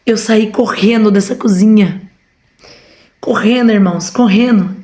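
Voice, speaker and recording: A woman's voice: medium pitch, a little slow, warm tone. A woman with a Brazilian Portuguese accent giving a fervent testimony from home, repeatedly calling her listeners brothers. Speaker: preacher. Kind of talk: emotional testimony to a congregation.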